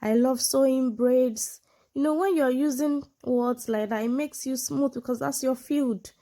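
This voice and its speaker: An online English exam tutor from Nigeria, a woman, delivers a casual lesson to camera using examples. Her voice is high, mellow and sonorous, her pace measured, and her Nigerian accent reflects a Nigerian first language, with English as her second. She keeps checking in with the listener through tags like "you know" and "yeah".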